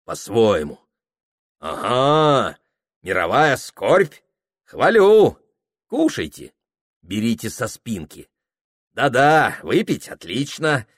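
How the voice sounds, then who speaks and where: A man's voice: medium pitch, huge pitch swings, slow, long pauses, no room sound, studio quality, full character voice. A man doing a tipsy lecturing exile. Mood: tipsy chatty. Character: drunk talkative exiled man who stammers.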